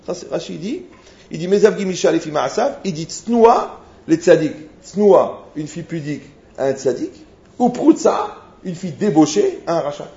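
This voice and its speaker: A man, a rabbi, giving a lively sermon full of anecdotes, acting out dialogues and rising to near shouts. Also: on the high side, normal speed. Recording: roomy, dull lo-fi sound with faint noise.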